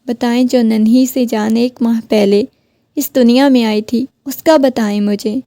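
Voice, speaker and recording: A woman's voice: on the high side, fairly even intonation, mellow, dry recording, natural voice. A woman voicing a heartbroken young wife who keeps pleading with her husband. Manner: pleading, questioning.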